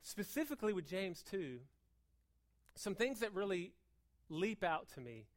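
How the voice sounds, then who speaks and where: Delivering an informal sermon, an American woman talks quickly and emphatically in a conversational style, repeating words and posing rhetorical questions. Her voice sits at medium pitch with big swings.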